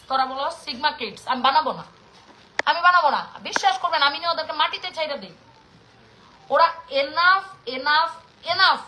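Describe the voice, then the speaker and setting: Woman, thirties, Mymensingh Bangladeshi accent, high voice, sharp tense tone, indignant rant. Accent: Bangladeshi Bengali, Mymensingh. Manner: passionate, indignant, scolding. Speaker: vlogger speaking to her audience. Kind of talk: casual spoken rant to viewers.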